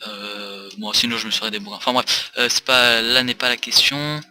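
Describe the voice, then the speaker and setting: A man's voice: medium pitch, normal speed, sharp tone, soft background music. A tired man rambling through casual gaming commentary with many hesitations, recorded on a desk mic for a facecam. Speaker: let's play host.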